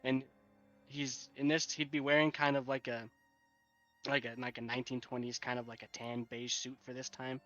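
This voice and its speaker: A man playing a tabletop game, describing his character in a halting, rambling way full of fillers. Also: medium pitch, little pitch movement, fairly bright tone, soft background music. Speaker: player. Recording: dull lo-fi mic.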